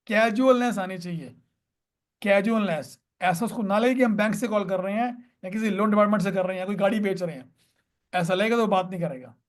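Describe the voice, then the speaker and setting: A man working as a coach, walking through sales-call steps in an instructive manner, mixing Hindi and English phrases. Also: sits high. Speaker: payment recovery coach. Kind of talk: coaching lesson on sales calls.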